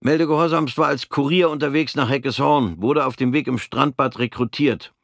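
A man voicing an evasive, quick-tempered soldier who answers curtly and defensively. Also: medium pitch, vocal fry, fairly bright tone, no room sound, clean studio sound, voice pushed up. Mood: formal. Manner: curt, defensive.

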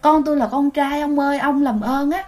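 A woman's voice: high-pitched, fairly even intonation, brisk, darkish tone, close to an everyday voice. A woman voicing a threatening female ghost, a mother spirit taunting an intruder, with a Southern Vietnamese accent. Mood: pleading. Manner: threatening, cackling.

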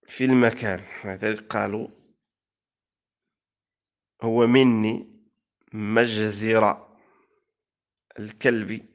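A man teaching a classical grammar lesson, explaining and reciting verse in a measured way. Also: fairly low pitch.

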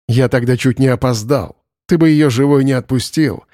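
A man voicing a grim, weary border guard who speaks low and hushed, in an audiobook. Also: moderate pace, no echo, studio quality, lightly acted.

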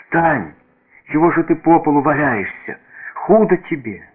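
Brief: man playing a scared frail girl, raised high voice, tinny radio sound. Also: lively intonation, unhurried. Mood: frightened. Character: frightened frail little girl.

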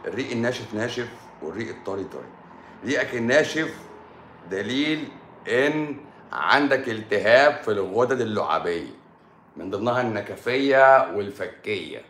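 A man's voice: lowish voice, fairly bright tone, a little hiss or hum. A man with an Egyptian accent, a doctor hosting a live stream, lecturing viewers in a stern, sarcastic way. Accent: Egyptian Arabic. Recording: echoey room.

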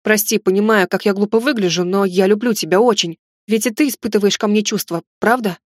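A woman's voice: medium pitch, dry recording, clean studio sound, lightly acted. A woman reading a tender nervous suitor. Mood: earnest. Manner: earnest, gentle, halting. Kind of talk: audiobook character reading.

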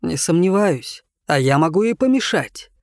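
A man reading an audiobook voices a stern, loyal wolf, speaking slowly and bluntly. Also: a little high, sing-song, no echo, studio quality. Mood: conspiratorial.

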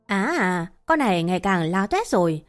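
Woman putting on a shrill scolding mother-in-law. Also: sing-song, normal speed, soft background music. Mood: shrill accusing. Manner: abusive, uses coarse address terms.

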